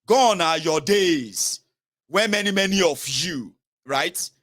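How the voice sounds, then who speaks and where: A Nigerian man in his late thirties speaks with a southern Nigerian accent, and his voice sits a little high for a man. He talks straight to the viewer in a political commentary, firing questions and dropping into pidgin now and then. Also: animated, takes it slowly, fairly bright tone. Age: 30s. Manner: emphatic, questions the viewer directly, mixes in pidgin. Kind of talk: direct-to-camera commentary.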